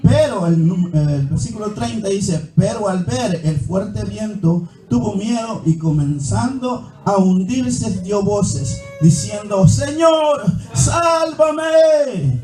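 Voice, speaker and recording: A man's voice: high voice, animated, takes it slowly, hardly any pauses, mellow. A male preacher giving a sermon, reading scripture aloud with commentary and calling the listeners "hermano". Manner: calls the listeners "hermano" again and again. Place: church hall. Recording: echoey church hall, mic far off, faint music.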